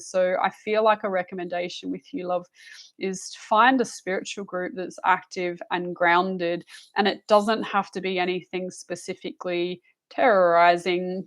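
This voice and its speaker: A woman giving a live psychic reading, soothing and rambling, calling the listener love and honey. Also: on the low side. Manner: rambling with frequent restarts and fillers. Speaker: psychic reader.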